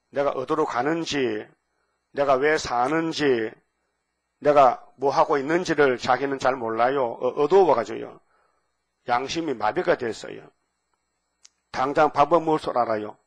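Man in his seventies preaching a sermon. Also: medium pitch. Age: 70s. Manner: preaching with rhetorical questions, sudden loud bursts; reads scripture slowly. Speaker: pastor.

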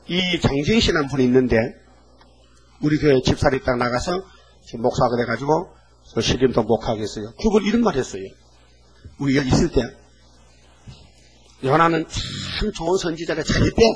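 A man in his eighties giving a sermon as a pastor, talking in a folksy, animated way and often tossing rhetorical checks at the congregation. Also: fairly high pitch, husky, low-quality recording.

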